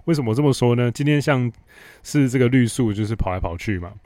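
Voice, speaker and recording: A man's voice: medium pitch, lively intonation, fast talker, dark tone, no room sound. A man with a Taiwanese Mandarin accent hosting a podcast, telling a work story in a blunt, sarcastic, casual monologue. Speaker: podcast host.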